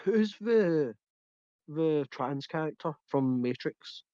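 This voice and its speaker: A podcast co-host with a slightly high, mellow voice talks slowly and animatedly in a casual film chat. He's chatty, laughs while telling things, and hunts for the right words. The recording is dry and muffled.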